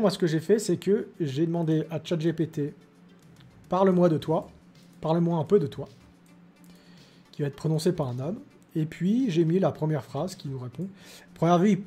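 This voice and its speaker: Mellow male tech video host. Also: on the high side, breathy edge. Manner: explanatory, many fillers. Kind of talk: casual tech demo.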